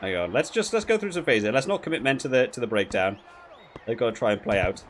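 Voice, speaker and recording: A gaming video creator reviews a game as he plays, speaking casually and thinking aloud in halting, repeated phrases while critiquing what he sees. His mid-range voice is expressive and fairly bright. Faint noise and a faint crowd sound behind him.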